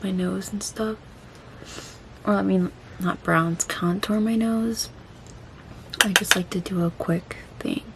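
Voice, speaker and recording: A woman with a creaky, mid-pitched voice talks casually to viewers as she does her makeup. Her mouth and jaw are swollen after wisdom teeth surgery, and she is chatty and self-deprecating about it. There is faint noise behind her. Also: low-quality recording. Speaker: beauty vlogger. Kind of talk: casual chatty get-ready-with-me makeup vlog.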